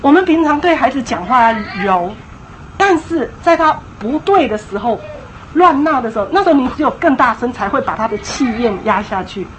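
A woman's voice: high voice, lively intonation, normal speed, slight background noise, rough recording. A woman giving an emphatic, conversational church talk on parenting, often acting out little scenes as she goes.

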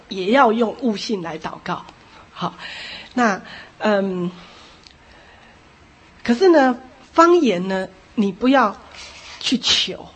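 A woman preaching a sermon, repeating phrases for emphasis and adding lively asides. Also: medium pitch, husky.

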